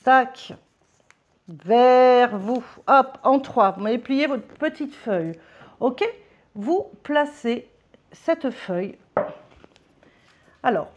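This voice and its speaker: A woman's voice: fairly high pitch, slight background noise. Chatty woman, dull lo-fi recording. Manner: chatty, keeps checking in with "ok?" and "d'accord?"; slips between formal and familiar address. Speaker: vlogger teaching a ritual. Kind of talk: casual how-to demonstration.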